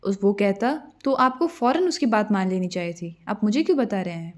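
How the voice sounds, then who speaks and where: A woman voicing a proud, quick-tempered young female fairy in a storybook tale, sharp and indignant. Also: medium pitch, expressive, lightly acted.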